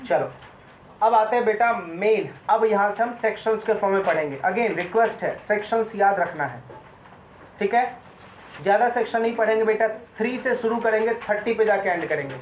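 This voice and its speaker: A man's voice: sits high, normal speed, slight background noise. A male law lecturer teaching a classroom, mixing Hindi with English terms and asking his students questions as he goes. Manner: addresses students as "beta", quizzes them often. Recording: echoey room, dull lo-fi sound.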